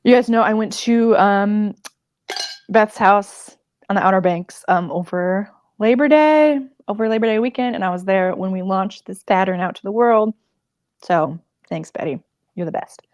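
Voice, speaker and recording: A woman's voice: mid-range voice, moderate pace, a little mellow, no echo, clean studio sound. A woman crochet designer chatting casually on a livestream, rambling and emotional with many fillers.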